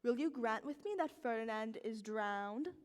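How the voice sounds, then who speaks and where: Woman acting a high, hammy, scheming stage courtier. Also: normal speed, lightly acted. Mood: persuasive, insistent. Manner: theatrical, declamatory, hammy stage delivery. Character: scheming, ambitious courtier urging a drowsy lord to seize a crown. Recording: echoey stage hall with long reverb.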